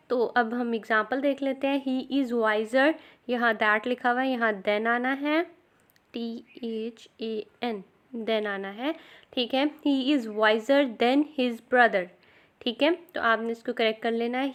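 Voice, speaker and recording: A woman teaching English grammar rules in a recorded lecture for test preparation, repeating each rule and dictating example sentences slowly. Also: high-pitched.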